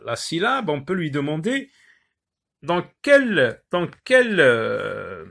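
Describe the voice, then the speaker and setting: A male teacher giving a lesson on syllables, repeating words slowly and pausing often with hesitations. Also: fairly high pitch, sing-song, gravelly, a bit bright. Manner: slow, drawn-out word repetitions with many "euh" pauses. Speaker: primary school teacher.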